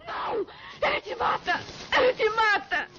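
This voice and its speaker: A high-voiced young woman. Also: animated, moderate pace, noisy background. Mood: terrified. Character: shy, frightened young woman, Eurídice. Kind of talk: 1950s film acting. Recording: dull old film soundtrack with loud music.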